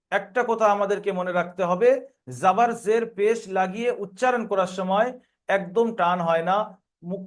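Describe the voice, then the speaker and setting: Male Quran reading teacher, high voice, patient, spells out letters slowly and repeats rules. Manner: repeats rules in a steady chant. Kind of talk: recorded online lesson.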